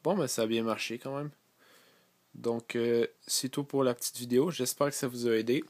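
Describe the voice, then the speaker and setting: A man's voice: medium pitch, normal speed, no room sound. Dry-sounding Québécois man explaining a tutorial. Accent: Québécois French. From Quebec. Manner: relaxed, many fillers, explains step by step. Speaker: tech tutorial host. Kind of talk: casual screen-recorded tutorial.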